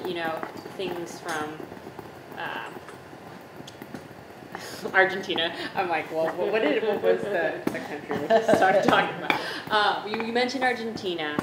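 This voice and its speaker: A woman's voice: mid-range voice, animated, unhurried, very noisy. A woman in her thirties hosting a cooking chat, talking casually with many restarts, recorded by a far camera in a home kitchen. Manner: chatty, many likes and restarts. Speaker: host. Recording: distant echoey kitchen with loud clatter.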